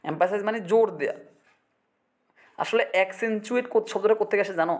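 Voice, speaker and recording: A man's voice: sits high, fast talker. A male English teacher from Bangladesh drilling vocabulary in a classroom, repeating words and quizzing his students.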